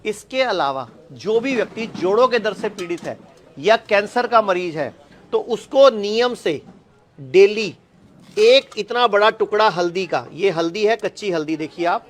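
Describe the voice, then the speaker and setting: Man, high voice, health talk, explanatory, rephrases points. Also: measured pace, fairly bright tone. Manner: explanatory, repeats points with "yani ki". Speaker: health speaker. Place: outdoors on a hospital campus.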